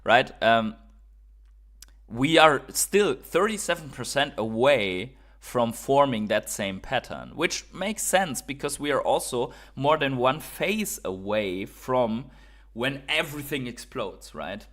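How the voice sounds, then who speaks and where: With a medium pitch that swings widely, a slow pace and a slightly bright tone, this native German speaker from Germany carries a German accent. He chats casually and eagerly about markets on his live stream, reading out viewer messages and answering them.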